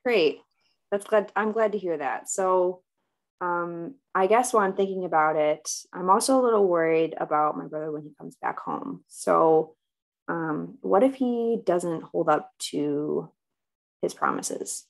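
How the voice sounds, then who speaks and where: A woman's voice: lowish voice, a little slow, vocal fry. A woman speaking as a client in a counseling role-play, talking hesitantly and with self-doubt about herself.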